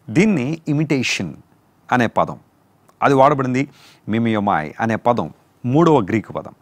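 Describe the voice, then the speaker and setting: Gravelly man preaching. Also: mid-range voice, dry recording. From India. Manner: explains terms slowly, repeating and spelling out each word. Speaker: pastor. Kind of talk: sermon teaching on word meanings.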